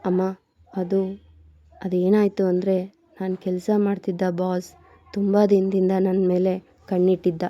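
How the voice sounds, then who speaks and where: A woman's voice: mid-range voice, monotone, a little slow, pauses often, no echo, close to an everyday voice. A woman narrator voicing a frightened, tearful young woman in a storybook reading, recorded dull and dry. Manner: soft, choked pleading.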